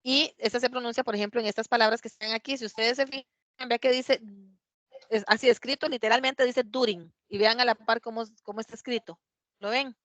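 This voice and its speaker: A woman teaching an English pronunciation lesson, explaining patiently step by step and slowly repeating words to model them. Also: a little high, fairly even intonation, a bit bright, dry recording. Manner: patient, explains step by step, asks "¿verdad?" often.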